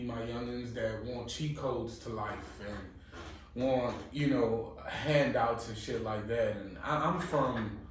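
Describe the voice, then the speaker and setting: Recorded from a distance with a little hiss or hum, a medium-pitched man co-hosts a podcast from an echoey room. He's blunt, from New Orleans, Louisiana, and casually chats while dispensing blunt advice in a profane, emphatic, motivational manner.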